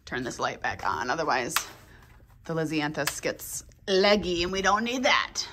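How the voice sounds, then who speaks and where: A woman's voice: low-pitched, animated, a little slow, heavy background noise. A woman in her thirties, a flower farmer, chatting enthusiastically in a casual vlog from her basement seed-starting room on a handheld phone camera.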